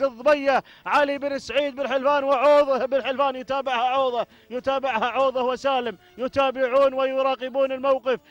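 A man calling a camel race live, chanting rapid, breathless repetitions of phrases. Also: extremely high pitch, no room sound.

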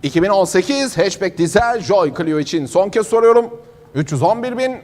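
A man's voice: sits high, expressive, a little fast, darkish tone. A man working as a car auctioneer, calling bids in a repetitive chanting manner. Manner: repetitive chanting bid calls. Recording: long hall reverb.

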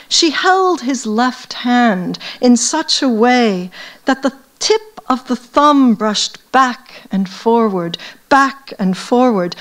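An American academic, a woman with a slightly high voice, reads aloud from a novel to an audience in a measured, deliberate way.

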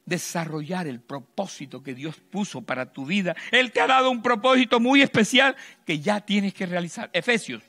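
A middle-aged man preaching a sermon into a handheld mic on a church stage, swinging between loud emphatic bursts and hushed low lines. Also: lively intonation, normal speed, few pauses. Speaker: pastor.

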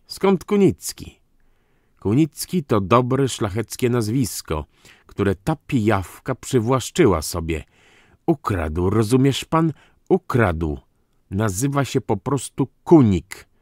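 A man reading an audiobook voices a proud, unstable aristocratic count who bursts out in indignant, theatrical shouts. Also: lowish voice, expressive, slow, no room sound, studio quality, pitched above the performer's own voice. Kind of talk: audiobook character voice.

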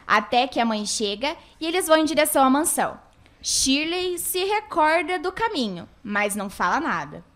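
Woman narrator for a radio soap opera, fairly high voice, scripted storytelling. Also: sing-song, normal speed, fairly bright tone.

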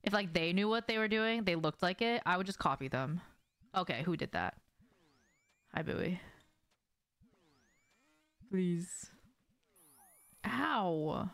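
Speaking slowly with long pauses, a young woman with a fairly low, animated, fairly bright voice chats to her stream audience while gaming. She's informal and swears, reacting to gameplay from a small indoor room at home. The recording is dry.

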